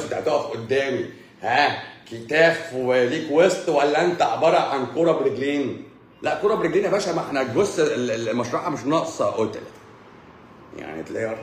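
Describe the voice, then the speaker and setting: Fast, joking Egyptian man in an echoey room. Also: medium pitch, slight background noise. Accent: Egyptian Arabic. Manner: animated and joking, mixes medical explanation with teasing asides. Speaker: doctor giving a talk. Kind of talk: joking live lecture.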